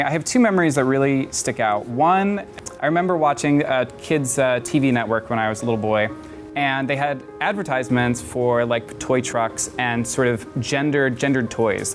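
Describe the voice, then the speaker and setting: A man's voice: medium pitch, moderate pace, over music. A young man from Georgia in the United States, a talk show guest speaking openly and chattily, with frequent fillers. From Atlanta, Georgia, United States. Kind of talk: casual talk show interview.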